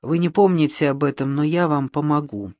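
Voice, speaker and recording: A reader voicing a calm male police detective who questions softly and persistently in an audiobook. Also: medium pitch, brisk, dry recording, natural voice. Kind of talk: audiobook reading.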